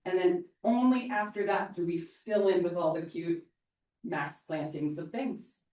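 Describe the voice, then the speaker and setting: A woman landscape designer giving an energetic, joking talk at a neighborhood meeting, then answering audience questions. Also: on the low side, measured pace. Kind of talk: public presentation with audience Q&A. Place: meeting hall. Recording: echoey hall.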